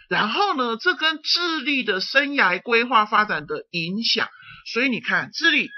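A woman giving an exam-prep lecture, animated and answering her own rhetorical questions. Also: medium pitch, no echo. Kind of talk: recorded tutoring lecture. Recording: dull, muffled lecture audio.

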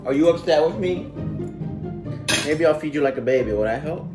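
Filming a dog video in his kitchen, a young adult pet owner speaks to his pet in a brisk, animated, slightly high voice, teasing it with coaxing mock seriousness. He's captured by a camera across the counter, with roomy kitchen acoustics and music behind him.

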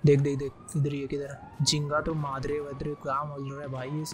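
A man giving live gameplay commentary, excitedly shouting quick callouts. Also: a little high, crowd noise. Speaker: gaming YouTuber.

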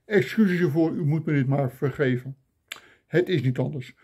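His pitch runs on the high side, the tone darkish and husky, the pace moderate. He's an older vlogger filming a comic rant on his phone camera, grumbling in mock indignation.

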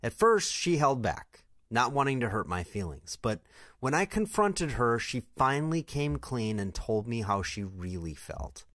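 A man's voice: mid-range voice, sing-song, a little slow, a bit bright, no echo, clean studio sound. A man reading a scripted first-person story in a confessional tone.

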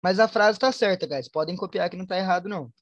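A woman with a Brazilian Portuguese accent, teaching an online English class, switching between Portuguese and slowly spoken English examples. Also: fairly low pitch, dry recording, dull audio. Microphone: online class headset or computer mic.

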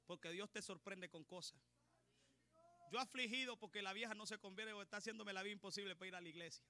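Very high-voiced fervent male preacher. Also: quick pace, clear, resonant tone. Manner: fervent, builds to shouting. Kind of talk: sermon.

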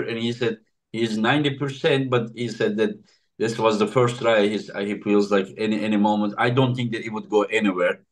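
Guy hosting a podcast over a video call, lowish voice, lots of yeah yeah and mm-hmm. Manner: chatty, repeats short affirmations. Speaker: podcast host. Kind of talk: casual video-call interview.

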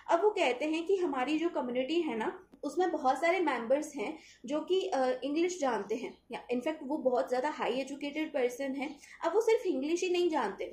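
A woman teacher talks through a literary essay in a high voice, conversational and full of rhetorical questions. Her voice rings in an echoey room, with faint background noise. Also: darkish tone. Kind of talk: explaining a text in a lesson.

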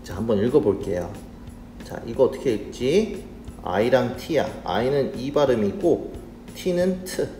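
A man teaching children English phonics in a slow, patient, friendly manner, spelling words out letter by letter. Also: medium pitch, expressive, warm tone, slight background noise. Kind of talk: children's reading lesson. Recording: roomy sound with faint music.

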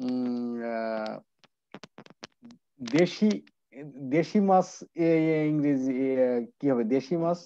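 A student practicing spoken English hesitantly, with many pauses and fillers. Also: medium pitch, animated, dark tone, smooth, muffled recording. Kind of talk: speaking practice.

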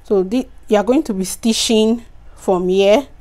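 Craft host, woman, tired and mellow, chatty tutorial delivery, repeats steps. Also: medium pitch, measured pace. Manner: chatty, repeats instructions, frequent "okay" and "so guys". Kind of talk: casual DIY tutorial.

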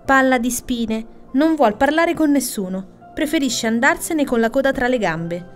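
A woman voicing an arrogant, boastful female hare who taunts in a high, loud voice for a bedtime storybook. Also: animated, moderate pace, soft background music. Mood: mocking.

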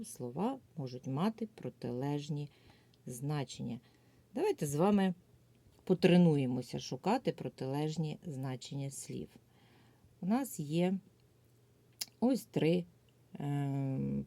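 A woman teacher with a Ukrainian accent giving a video lesson to young pupils, dictating slowly and clearly. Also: deep voice, mellow, no room sound. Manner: slow, clear dictation with drawn-out words. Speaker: primary school teacher.

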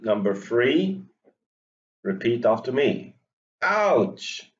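A male English teacher giving an online lesson to young learners, speaking slowly and deliberately and modeling pronunciation for them to repeat. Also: medium pitch, lo-fi sound.

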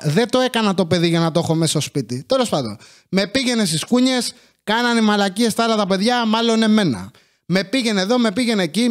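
A man from Athens telling crude, profane childhood stories in an animated comic monologue. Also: high-pitched. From Athens, Greece. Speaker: comedian.

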